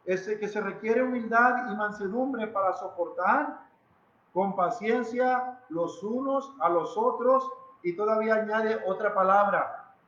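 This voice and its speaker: A high-voiced, slightly bright pastor with a Mexican Spanish accent delivers a sermon in a church hall at an unhurried pace. He is emphatic and dramatic, repeating lines and asking the congregation questions. The audio sounds muffled and carries the echo of the room.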